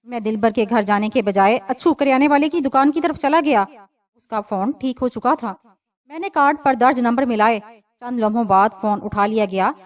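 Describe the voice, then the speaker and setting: A woman with a somewhat high voice reads a novel in scripted narration. She tells a man's first-person story in a steady, even storytelling manner. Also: normal speed.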